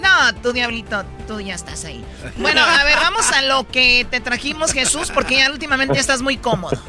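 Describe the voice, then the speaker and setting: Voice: high voice, animated, normal speed, pushed and bright, soft background music. A radio co-host in casual, teasing banter with the other hosts. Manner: teasing, chatty, lets out bursts of laughter.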